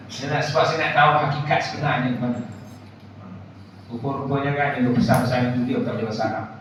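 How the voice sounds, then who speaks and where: A man with a Malaysian Malay accent teaching an Arabic class, animated and full of rhetorical questions. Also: mid-range voice, moderate pace, pauses often, background noise. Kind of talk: lecture to a class. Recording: echoey room, distant mic, dull lo-fi sound.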